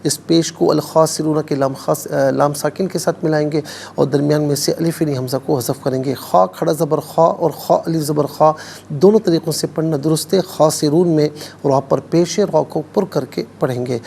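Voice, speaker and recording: A male TV host teaching Quran recitation, explaining each word clearly, then chanting the verses slowly. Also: fairly high pitch, steady tone, mellow, a little hiss or hum. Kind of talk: televised Quran recitation lesson. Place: TV studio.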